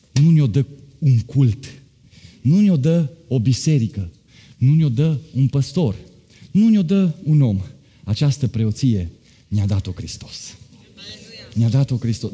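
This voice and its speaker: A man preaching a sermon, emphatic, building with repeated phrases and swinging between loud high passages and low quiet ones. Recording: long hall reverb.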